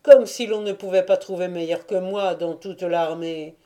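A woman's voice: fairly low pitch, steady tone, moderate pace, warm tone, natural voice. A woman doing a sly old Cossack, falsely humble. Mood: mock humble. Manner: pleading, falsely modest. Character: sly old male Cossack feigning humility.

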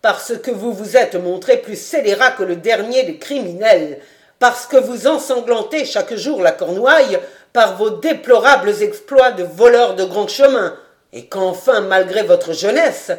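Woman doing a severe old marshal in an audiobook, lowish voice, loud and scornful, roomy echo. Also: normal speed, few pauses, natural voice. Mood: stern scolding. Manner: severe, contemptuous scolding. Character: stern old male marshal, scornful, vehement.

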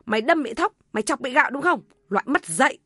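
A woman's voice: expressive, a little slow, sharp tone, breathy edge, dry recording, heavily acted. A woman voicing a bitter elderly mother-in-law who shrieks, scolds and wails. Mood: shrieking. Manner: shrill, scolding, wailing.

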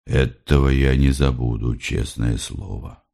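A man voicing a shy, remorseful young son who speaks quietly and mumbles. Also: a bass voice, steady tone, measured pace, gravelly, voice pushed down, full character voice.

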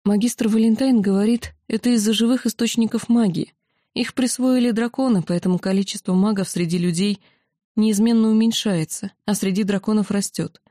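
An anxious young female mage student who talks fast and insists on her point, as a woman reads her in an audiobook. The voice is warm and dark, recorded dry and close. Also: mid-range voice, fairly even intonation, dry recording, close to an everyday voice. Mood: worried, insistent. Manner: urgent, insistent.

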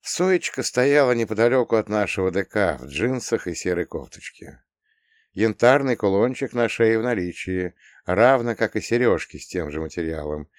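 A man's voice: on the low side, lively intonation, moderate pace, dry recording. A man narrating a first-person audiobook in a wry, dry storytelling manner. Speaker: audiobook reader.

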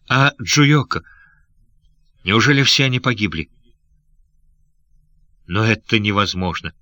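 A man's voice: lowish voice, pushed and bright, dry recording, full character voice. A man reading an audiobook, voicing a fierce grown pirate captain who exclaims in anguish.

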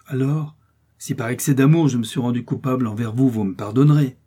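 A man reading aloud and playing a bold young swordsman, gallant and teasing, in a husky, dark voice. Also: mid-range voice, brisk, close to an everyday voice. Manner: gallant, mocking confidence.

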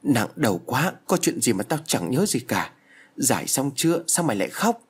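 Groggy young woman, confused, voiced by a male narrator, husky. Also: medium pitch, big pitch swings, normal speed. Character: dazed young woman waking from possession.

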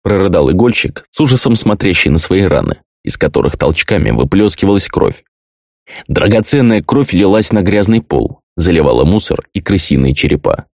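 Deep-voiced male audiobook narrator. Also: big pitch swings, normal speed, vocal fry, darkish tone, dry recording, clean studio sound. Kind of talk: scripted narration.

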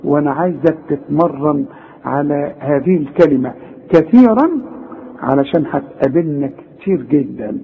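A man with an Egyptian accent teaching Quran recitation rules, quizzing the student and slowly modelling each word. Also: on the high side, vocal fry, narrow, tinny audio, slight background noise. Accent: Egyptian Arabic. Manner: animated, demonstrates recitation slowly, questions the student. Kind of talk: tajweed lesson.

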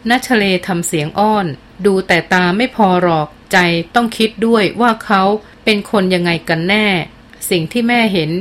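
A woman's voice: medium pitch, normal speed, lightly acted. A woman reading the lines of a cautious middle-aged mother brushing off her daughter in a narrated novel. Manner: dismissive, warning tone.

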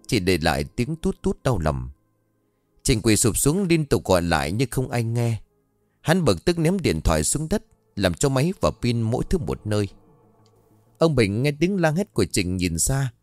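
A man's voice: medium pitch, darkish tone, no echo. A man narrating a ghost story in a dramatic storytelling manner.

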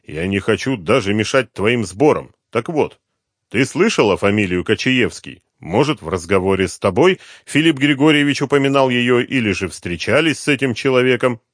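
A man reading an audiobook, voicing a calm, unflappable man who speaks levelly and with dry irony. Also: mid-range voice, normal speed, no echo, pitched above the performer's own voice, lightly acted. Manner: calm, level, dryly ironic. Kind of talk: audiobook character voice.

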